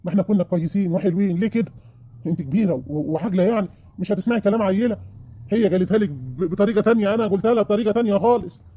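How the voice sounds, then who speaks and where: A man's voice: high-pitched, rapid-fire, warm tone. A man with an Egyptian accent playing a remorseful, self-pitying husband in an audio drama, pleading and wheedling. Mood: reproachful. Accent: Egyptian Arabic.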